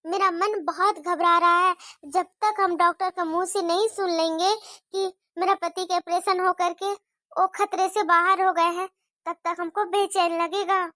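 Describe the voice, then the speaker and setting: A woman's voice: extremely high pitch, steady tone, unhurried, bright, forceful tone, no echo, studio quality, exaggerated voice. A woman voicing a worried, tender young mother in a cartoon story, anxious and doting.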